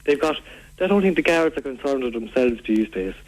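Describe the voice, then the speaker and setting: On a low-quality recording, a man with a County Waterford Irish accent prank-calls a local radio phone-in, earnestly griping in character as a rambling, aggrieved local sick of food-throwing youths. His natural, mid-range voice is expressive and fairly quick.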